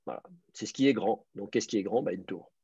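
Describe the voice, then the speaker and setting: A man's voice: lowish voice, fast talker, warm tone, husky, no room sound. A man teaching an online class, explaining step by step with many fillers and restarts. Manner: hesitant, many fillers and repeated words, patient explaining. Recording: dry, slightly dull lo-fi sound.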